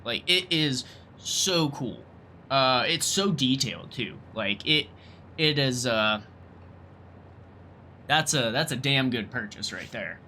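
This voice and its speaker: A man's voice: mid-range voice, lively intonation, slow pace, long pauses, bright, forceful tone, slight background noise. A young man hosting a let's play, talking casually and enthusiastically, rambling a little and swearing now and then. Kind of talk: casual gameplay commentary.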